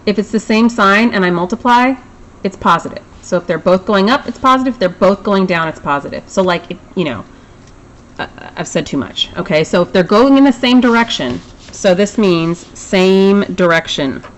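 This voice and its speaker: A woman's voice: mid-range voice, lively intonation, moderate pace, rough recording. Chatty math teacher woman. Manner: chatty, self-deprecating asides. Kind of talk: recorded classroom lesson.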